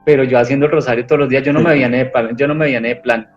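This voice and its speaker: Speaking rapidly with a medium pitch and fairly flat intonation, a man shares a heartfelt testimony in an interview. He wanders and keeps starting over. Faint music plays under a muffled, low-fidelity recording.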